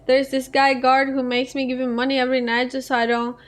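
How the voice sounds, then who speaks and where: A woman giving casual playthrough commentary on a video game, thinking out loud and reading choices aloud. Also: sits high, flat delivery, a little fast.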